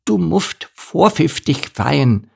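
A man's voice: a little high, very animated, slow, creaky, a little mellow, husky, voice pushed up, exaggerated voice. A man voicing a small, timid male donkey who lisps and talks breathlessly and pleadingly. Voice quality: lisping.

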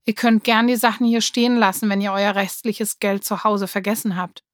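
A woman's voice: medium pitch, steady tone, moderate pace, dry recording, clean studio sound, lightly acted. A woman voicing a patient, friendly cashier in a children's storybook. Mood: matter-of-fact. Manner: friendly, matter-of-fact.

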